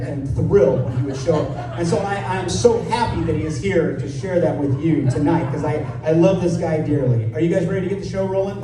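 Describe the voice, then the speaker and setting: An American man in his fifties hosts a comedy show with a casual, chatty, self-deprecating stand-up monologue. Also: a little high. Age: 50s. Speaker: comedy show host and promoter. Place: live comedy venue on stage. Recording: echoey live venue, distant, noisy.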